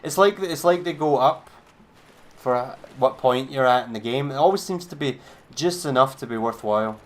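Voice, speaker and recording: A man's voice: medium pitch, normal speed. A man streaming a game, giving laid-back, chatty commentary with a wry edge. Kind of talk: casual gameplay commentary.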